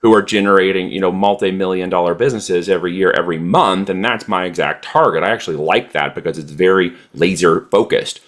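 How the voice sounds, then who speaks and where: A man with a very deep voice answers interview questions about selling online. He talks confidently and with emphasis, and he often stops to fill pauses as he builds his points. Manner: confident, emphatic business talk with frequent fillers. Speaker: e-commerce entrepreneur guest.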